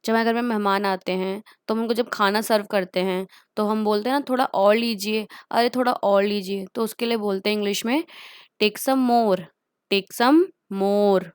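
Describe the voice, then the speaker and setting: A woman with an Indian accent teaching everyday English phrases. She says each phrase twice, very slowly, then explains it quickly. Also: medium pitch, steady tone, smooth, no echo, clean studio sound. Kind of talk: spoken English lesson.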